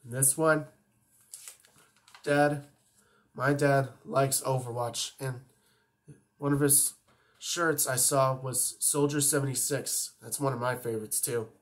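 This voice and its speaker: A man's voice: medium pitch, fairly even intonation, slow, pauses often. A man chatting casually and enthusiastically as he introduces his voice impressions. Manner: enthusiastic fan talk. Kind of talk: casual chat between impressions.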